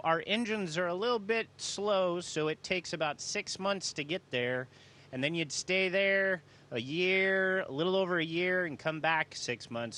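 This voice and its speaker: A man's voice: high voice, pushed and bright. A man speaking as an astronaut, answering students' questions in a casual, folksy and enthusiastic way.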